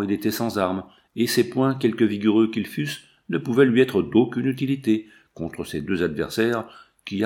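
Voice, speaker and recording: A man narrating an adventure novel in a steady, measured audiobook reading. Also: on the low side.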